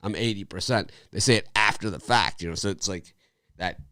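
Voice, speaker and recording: Hosting a live sports betting show, a man with a fairly low, sharp voice talks briskly in a dry recording. His casual live-stream chat wanders a little, with restarts and short laughs.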